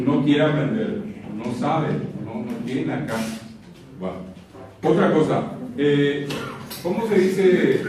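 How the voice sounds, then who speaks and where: A man with a Paraguayan Spanish accent giving an animated lecture, asking questions and answering them himself. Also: on the high side, a little hiss or hum. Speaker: conference lecturer. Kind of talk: lecture to a live audience. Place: university auditorium. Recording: echoey hall, heard from far off. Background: audience in the hall.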